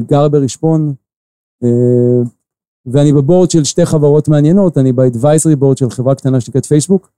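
An investor in his forties with an Israeli accent answers interview questions as a guest, speaking slowly and with many filler pauses. His mid-range voice is warm and smooth, and there's no echo.

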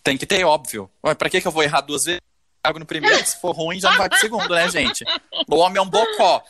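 A man's voice: on the high side, big pitch swings, fast talker, a crowd in the background. A Brazilian man, a guest influencer, chatting bluntly and crudely, with jokes, on a casual podcast. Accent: Brazilian Portuguese.

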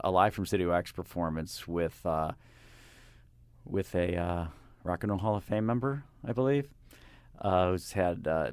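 An older man, a radio interviewer, talking in a rambling, halting way with lots of fillers and restarts. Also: sits low, smooth, dry recording. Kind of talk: casual interview chat. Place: radio studio. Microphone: studio microphone.

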